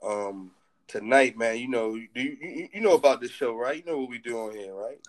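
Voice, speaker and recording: A man's voice: medium pitch, a little fast. A man hosting a storytelling podcast, talking in laid-back street slang and reading out a history. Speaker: podcast host. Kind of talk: casual podcast talk and reading.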